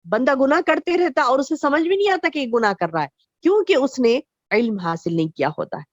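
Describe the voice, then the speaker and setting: A woman's voice: sits high, expressive, dry recording. Woman giving a dull lo-fi religious lecture. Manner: explains slowly with repeated phrases and rhetorical questions. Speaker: Islamic religious teacher.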